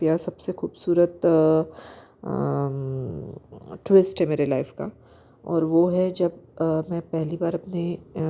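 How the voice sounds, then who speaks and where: Low gravelly woman, hesitant storytelling. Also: mellow. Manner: hesitant, pausing with fillers. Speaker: spiritual vlogger. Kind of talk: personal storytelling. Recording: dull lo-fi recording.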